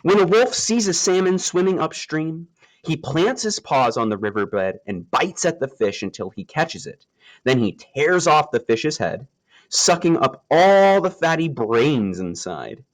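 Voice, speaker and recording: In poor audio, a man with a voice on the high side reads a children's nature tale aloud. He stresses words expressively and pauses for drama.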